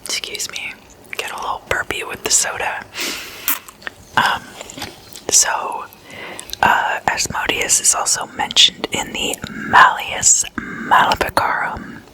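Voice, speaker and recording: Close to the mic, the ASMR host narrates stories casually in an unvoiced, breathy whisper, gently repeating words. She takes it slowly, and the audio is poor.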